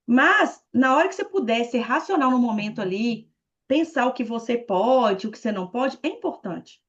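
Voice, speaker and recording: High-voiced chatty Brazilian woman on a call. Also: expressive, normal speed, a bit bright, lo-fi sound. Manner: chatty, playful, addresses listeners directly. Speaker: guest speaker on leadership. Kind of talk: animated talk on a video call.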